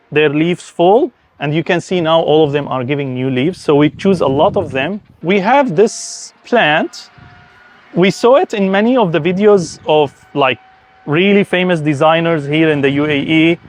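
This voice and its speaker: Hosting a relaxed tour of a villa and its garden, a Syrian man explains things eagerly and chattily in a Syrian Arabic accent. His voice sits fairly high.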